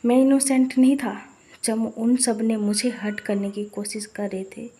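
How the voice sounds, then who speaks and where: A woman voicing a vengeful young man who uses dark magic, defiant and mocking in a fan story reading. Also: on the high side, flat delivery, moderate pace, slight background noise, natural voice.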